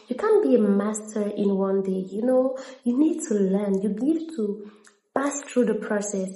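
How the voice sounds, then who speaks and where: Her voice sits a little high yet carries a dark tone. She is a young Cameroonian woman, French by mother tongue, working as a vlogger and interpreter, and in this casual on-camera vlog she tells her story and shifts into English mid-sentence while the room echoes around her.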